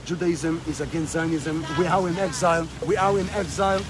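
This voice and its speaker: A man's voice: on the high side, flat delivery, a little fast. A man being interviewed outdoors on a rainy street, speaking emphatically and repeating himself as he presses his points. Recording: street noise and passing cars.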